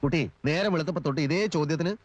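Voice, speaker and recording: An actor playing an impatient lawyer in a film, who brushes people off curtly and drops English phrases. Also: male voice, on the high side, quick pace, dry recording, close to an everyday voice. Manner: curt, impatient, mixes in English. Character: irritated young lawyer. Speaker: film character. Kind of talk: 1980s film acting.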